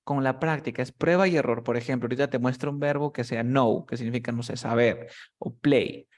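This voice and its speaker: This young man, an English teacher, speaks at a middle pitch while giving a private grammar lesson. Calm and patient, he breaks every rule into steps and keeps asking whether the student is following.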